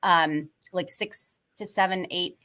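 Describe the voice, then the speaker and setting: A woman's voice: fairly low pitch, slow pace, pushed and bright. A woman co-host telling a story in a rambling, casual way, full of fillers and little laughs. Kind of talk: casual chat.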